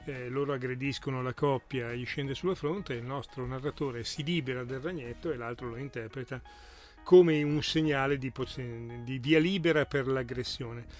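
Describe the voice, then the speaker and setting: A man's voice: medium pitch, fairly even intonation, moderate pace, faint music behind. Male host, mid-range voice, chatty hesitant explainer. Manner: hesitant, filler-laden explaining. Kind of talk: casual literary commentary.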